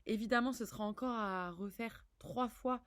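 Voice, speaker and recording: A woman's voice: fairly high pitch, moderate pace, a bit bright. A French woman leading a home workout as a fitness instructor, upbeat and encouraging, counting repetitions aloud.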